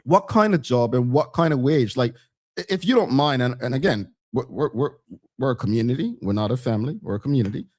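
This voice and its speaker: A man with a thick Bermudian accent hosts a discussion show. His voice is mellow and soft-edged, sitting at an average male pitch. He talks straight to his audience in a conversational way, posing questions to them. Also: animated, brisk. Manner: rhetorical questions, addressing the audience directly. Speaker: talk show host.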